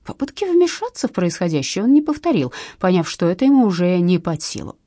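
A woman reading a comic detective novel aloud in measured, expressive audiobook narration. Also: on the low side, no room sound, studio quality.

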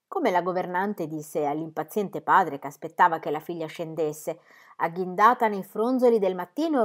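A woman narrating a classic novel as an audiobook reader, measured and softly expressive. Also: lowish voice.

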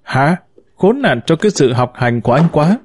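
A man's voice: a little high, big pitch swings, normal speed, slightly rough, no echo, clean studio sound. A man voicing a bitter, wounded middle-aged mother who reproaches and laments to her son in an audiobook story. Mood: outraged. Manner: reproachful, lamenting, sharp-tongued.

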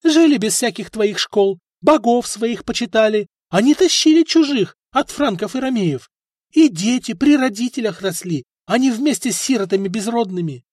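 Audiobook: male narrator as a lonely young princess, high, pleading and tearful, snapping into shrill outbursts. Dry close read. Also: animated, moderate pace, a little mellow, no echo.

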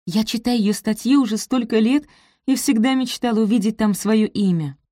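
A woman voicing an eager, emotional young woman in love, talking in breathless, high exclamations. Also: normal speed, warm tone, no room sound, clean studio sound, natural voice.

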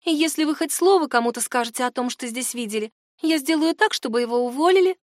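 Lady reader doing a snooty teen girl, high voice, dry close audio. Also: fast talker, no echo, close to an everyday voice. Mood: haughty. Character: spoiled defiant teenage girl, factory owner's daughter.

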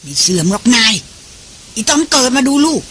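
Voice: medium pitch, very animated, brisk, a bit bright, a little hiss or hum. A reader voicing a hot-tempered, bawdy old male jungle sidekick who bawls his lines in a raised voice, for an audiobook. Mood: protesting.

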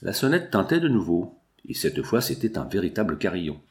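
A man reading a classic novel aloud in a measured, expressive way. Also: low-pitched. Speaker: audiobook narrator. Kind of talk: scripted narration.

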